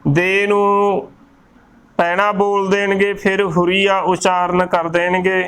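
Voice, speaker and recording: A man's voice: high voice, level tone, slow, a bit bright, smooth. A man with a Punjabi accent teaching the pronunciation of scripture, spelling words out letter by letter and repeating the right and wrong forms. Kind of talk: slow methodical pronunciation lesson.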